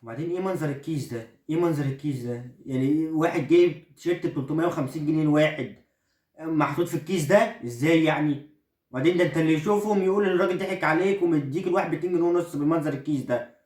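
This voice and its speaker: Brief: man as boastful Egyptian comedy-sketch dad, fast talker, echoey far-off room sound. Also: a little high, darkish tone, close to an everyday voice. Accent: Egyptian Arabic. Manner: boastful, coaxing, keeps saying look. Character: middle-aged Egyptian dad, stingy, boastful salesman of cheap shirts. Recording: roomy echo, voice far from the mic.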